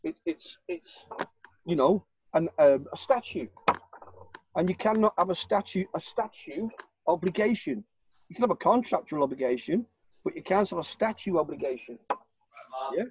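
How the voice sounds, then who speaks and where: Husky northern English man, insistent. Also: high voice, animated, moderate pace, pauses often, darkish tone, no echo, rough recording. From North West England. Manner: emphatic, insistent, explains in repeated short clauses. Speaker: interview guest. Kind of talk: conversational interview.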